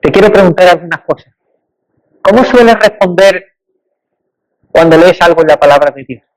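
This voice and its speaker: High-voiced man preaching emphatically. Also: moderate pace, low-quality recording. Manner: emphatic, rising on repeated rhetorical lists. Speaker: pastor. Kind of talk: sermon.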